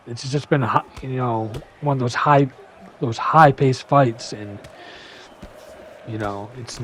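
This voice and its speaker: A young man giving a casual gameplay breakdown, full of "you know" fillers and sometimes rushing to keep up with the action. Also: mid-range voice, a bit bright, slight background noise. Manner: casual, filler-heavy, talks fast to keep up. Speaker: gaming YouTuber.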